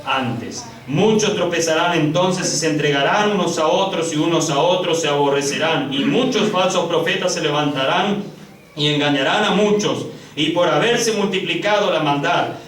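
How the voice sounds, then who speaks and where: Addressing his congregation as brothers, a male preacher stretches words out slowly for emphasis, lurching from quiet low stretches to soaring high stresses. His sermon rings through a reverberant room, recorded from afar with a little hiss or hum.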